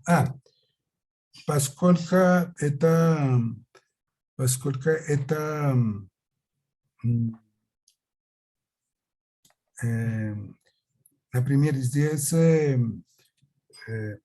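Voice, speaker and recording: A man with a foreign accent giving an academic presentation in a language that is not his native one, haltingly and searching for words. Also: on the high side, dark tone. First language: not Russian. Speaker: conference presenter.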